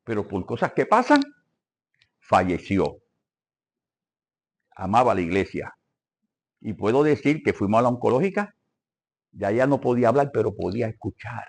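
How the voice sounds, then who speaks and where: A man's voice: on the low side, vocal fry, breathy edge. An older man teaching a church Bible lesson, asking the congregation questions and calling for amens.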